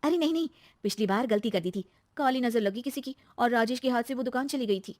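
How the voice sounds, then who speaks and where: A woman voicing a cheerful, chatty young wife in a cartoon story, talking in an excited way. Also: a little high, a little fast, no echo, pitched above the performer's own voice, close to an everyday voice. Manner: excited, talkative.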